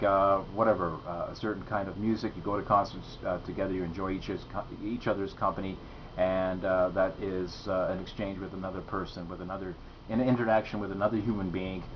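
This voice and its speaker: Low-voiced man musing with many fillers. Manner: hesitant, many fillers and restarts, emphatic on key words. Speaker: host. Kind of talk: philosophical monologue. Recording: dull lo-fi sound with faint noise.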